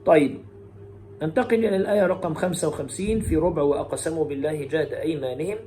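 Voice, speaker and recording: A man with a fairly high, mellow voice gives a lesson on variant Quran readings. He switches between quick explanations and slow, melodic chanting of the verses. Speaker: Quran recitation teacher.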